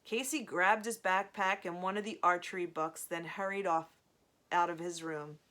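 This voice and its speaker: A woman reading a novel aloud in a slow, measured storytelling manner, with casual asides between chapters. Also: lowish voice, steady tone, a bit bright. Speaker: reader of a novel.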